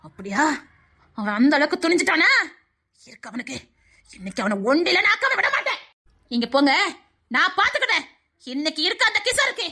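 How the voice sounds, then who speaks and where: A woman's voice: sits high, fairly quick, long pauses, voice pushed down, heavily acted. A woman voicing a protective motherly aunt who coos endearments at the children. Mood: indignant. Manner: cooing endearments, lively rise and fall.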